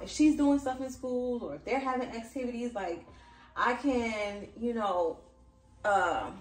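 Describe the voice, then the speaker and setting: A woman in her thirties, a working mom, chats casually and upbeat to camera from her home kitchen, using lots of fillers. Her medium-pitched voice comes from a camera across the room, so it sounds distant and echoey.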